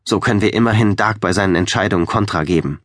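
A male narrator voices a wry, teasing young man in a storybook. The voice is low and the sound dry. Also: fast talker, no echo, lightly acted.

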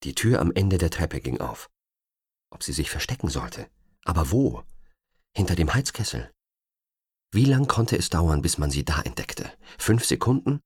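A man reading an audiobook thriller with expressive, suspenseful narration. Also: sits low, normal speed, husky, no echo, studio quality. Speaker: audiobook reader.

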